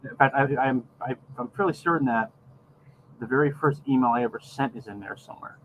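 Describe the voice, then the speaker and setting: A middle-aged man chatting casually on a video call, rambling and halting, often repeating words as he gathers his thought. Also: mid-range voice, fairly bright tone. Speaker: podcast co-host. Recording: dull lo-fi video call, faint background noise.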